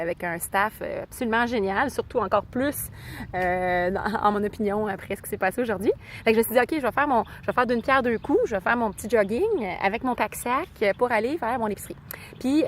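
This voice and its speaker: A woman's voice: medium pitch, a bit bright, slight background noise. Québécoise woman chatting in a rambling vlog. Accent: Québécois French. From Quebec. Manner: rambling, switches between French and English, many fillers and repeats; enthusiastic, heartfelt. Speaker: vlogger. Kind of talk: casual spontaneous vlog.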